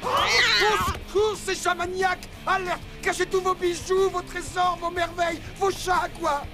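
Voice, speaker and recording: A vain superhero puppet yelps and frets in a very high, bouncing voice. He is melodramatic and excitable, with cartoon music behind him. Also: normal speed. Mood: alarmed. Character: vain superhero turned into a puppet, male, dramatic. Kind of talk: cartoon dubbing.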